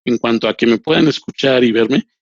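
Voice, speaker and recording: In this interview, a man who works as a human rights lawyer and professor answers questions slowly and deliberately, often restarting his sentences, since Spanish isn't his native language. His voice sits in the mid-range, and the recording is dry and dull.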